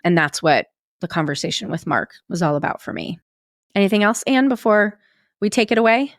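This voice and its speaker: A woman hosting an interview podcast, encouraging and quick to laugh as she welcomes her guest. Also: medium pitch, lively intonation, no room sound, clean studio sound. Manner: warm, laughs often, encouraging. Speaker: podcast host.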